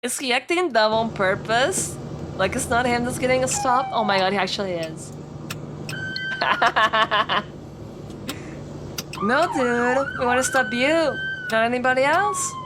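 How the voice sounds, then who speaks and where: A woman's voice: on the high side, expressive, normal speed, noisy background. A woman streamer giving casual live reaction commentary in a cute, playful anime-streamer manner.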